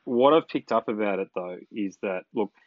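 An Australian man with a fairly low voice conducts a casual interview in a matey, tradesman-like way. The sound is slightly muffled and dry. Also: moderate pace, no echo.

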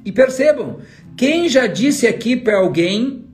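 Speaking slowly in a very high, expressive voice, a male trainer gives an emphatic motivational talk packed with rhetorical questions for the listener. Faint guitar music is audible in the background.

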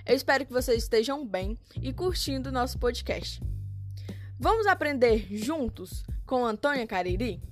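A woman's voice: on the high side, expressive, moderate pace, soft background music. A woman with a Brazilian accent hosting a scripted podcast, addressing listeners in an exclamatory, inviting kids show host manner.

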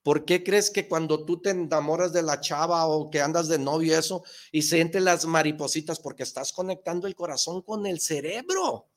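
Male motivational host, slightly higher voice, punchy, fired-up, talks to listeners like a buddy. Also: moderate pace, hardly any pauses. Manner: emphatic and excitable, rhetorical questions, slangy. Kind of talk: motivational talk.

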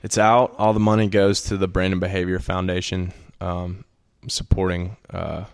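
Low-voiced man rambling a story. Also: monotone, moderate pace, creaky, clean tone. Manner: rambling, heavy filler "like", laughs often. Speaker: guest musician. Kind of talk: casual storytelling.

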